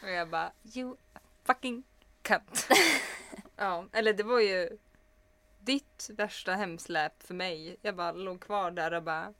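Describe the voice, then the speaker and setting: A woman's voice: lowish voice, no room sound. A young woman chatting casually as a podcast co-host. She tells stories with energy and acts out every person in them. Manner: animated storyteller who plays both sides of a scene.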